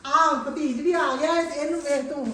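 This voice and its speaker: A middle-aged woman with a Pakistani Punjabi accent chats casually with family in a high voice. She sounds a little away from the mic in an echoey room. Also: steady tone, brisk, a bit bright, distant mic.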